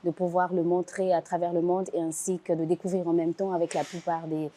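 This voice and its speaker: A young woman from the Democratic Republic of the Congo, a film director and actress, speaking as a guest in a studio interview in a soft-spoken, eager way. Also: lowish voice, little pitch movement, fairly quick, slight background noise. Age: young adult.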